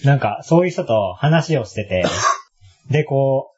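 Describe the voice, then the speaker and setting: A man co-hosting a casual podcast, teasing his partner in quick banter. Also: medium pitch, animated, warm tone, husky. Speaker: podcast co-host. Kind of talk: casual chat. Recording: dull lo-fi recording.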